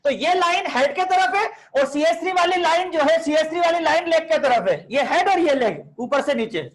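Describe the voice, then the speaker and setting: A man's voice: very high-pitched, expressive, moderate pace. A man teaching a chemistry class online, chatty and coaxing, scolding students by name and mixing English terms into his talk.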